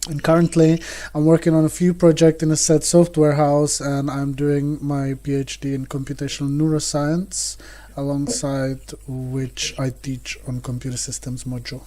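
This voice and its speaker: A man's voice: on the high side, completely flat delivery, normal speed, mellow. A man from the Czech Republic introducing himself as a guest on an online panel over a video call.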